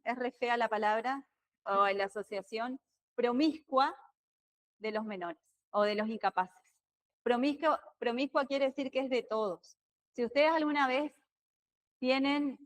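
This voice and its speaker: In a classroom, a woman with an Argentine Spanish accent delivers a lively law lecture in a voice that sits a little high. She tends to get loud while explaining and keeps questioning her students along the way.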